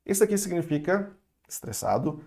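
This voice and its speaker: A Brazilian man teaching French vocabulary in a relaxed, chatty video lesson, stretching out words for learners to repeat. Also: high voice, brisk. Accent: Brazilian Portuguese.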